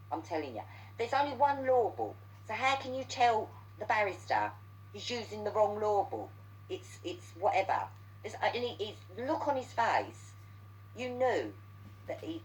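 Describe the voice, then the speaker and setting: A woman's voice: on the low side, a little hiss or hum, low-quality recording. A woman in a heated, sweary ranting monologue, stumbling over repeated words as she gets worked up.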